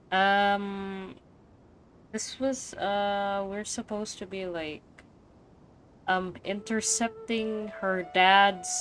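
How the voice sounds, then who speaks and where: A woman casually comments on the video game she's playing, frequently musing aloud in an absent-minded way. Her mid-range voice is a bit bright, the recording is rough, and quiet game music runs in the background.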